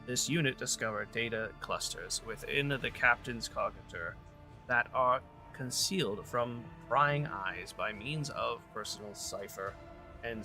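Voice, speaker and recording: A formal, mechanical male servitor from a video game speaks with a Spanish accent, voiced by a man reading aloud. The delivery is slow and halting, with a middling pitch. Faint music plays underneath. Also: lightly acted. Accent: put-on Spanish.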